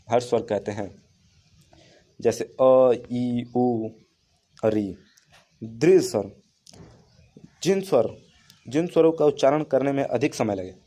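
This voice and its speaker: A man's voice: medium pitch, dark tone. A man teaching a Hindi grammar lesson in a classroom style. He restates each rule in simpler words and draws out the vowel sounds he gives as examples.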